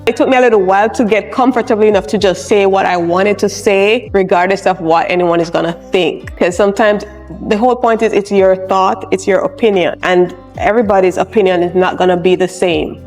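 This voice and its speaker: A woman, a charge nurse speaking in a personal interview in a soft-spoken, reflective, encouraging way. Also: mid-range voice, steady tone, fairly quick. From Jamaica. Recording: soft music underneath.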